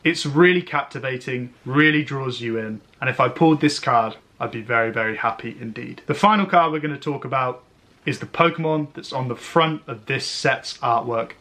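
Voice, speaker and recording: A man with a mid-pitched voice presents a collectibles review as host. His delivery is expressive and eloquent, slipping into casual slang, somewhere between scripted narration and relaxed commentary. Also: normal speed. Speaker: trading card reviewer and host.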